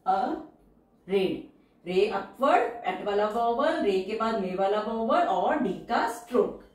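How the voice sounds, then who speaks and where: A woman teaching shorthand, explaining each outline step by step and repeating every word slowly and carefully. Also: a little high, animated, far from the mic. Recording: very echoey room, voice from off the mic.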